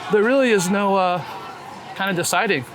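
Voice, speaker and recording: A crowd can be heard behind this high-sitting male voice, which moves at normal speed. The speaker, a guest who does street photography and used to be a BMX vlogger, walks the city chatting candidly and casually in slang laced with swearing. Clear traffic and street noise fill the noisy recording.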